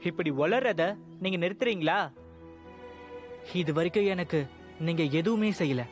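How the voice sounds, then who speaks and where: A woman's voice: on the low side, moderate pace, lightly acted. A woman dubbing a stubborn young boy who talks back resentfully, with music behind. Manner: pleading, then sulky and accusing.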